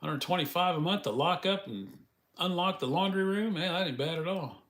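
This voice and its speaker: A man's voice: high-pitched, lively intonation, normal speed, a bit bright, roomy sound. A man hosting a casual live stream, chatting in a folksy way with the viewers and laughing often.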